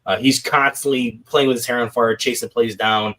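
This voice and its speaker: Conversational man in mid-pitch podcast talk. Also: fairly even intonation, moderate pace, bright, forceful tone. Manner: conversational, long run-on explanations with fillers. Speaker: podcast co-host.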